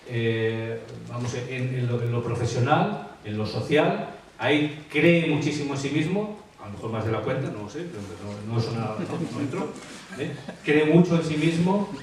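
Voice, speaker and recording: Male expert, hesitant explainer, mid pitch, distant mic, roomy echo. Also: lively intonation, moderate pace. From Asturias, Spain. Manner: hesitant, many fillers and tag questions. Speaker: graphologist. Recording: echoey room, off-mic, faint hiss.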